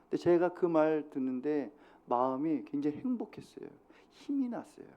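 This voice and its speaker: A Korean man preaching a sermon as pastor of a small church, exhorting the congregation and dropping from loud to hushed. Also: a little high, sing-song, moderate pace, muffled recording. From South Korea.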